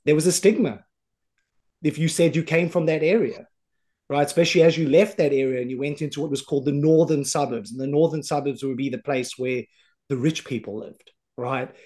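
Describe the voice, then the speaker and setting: A man's voice: on the high side, steady tone, fairly quick, a little mellow. A man with a South African accent, a podcast host, speaking candidly and thoughtfully in conversation.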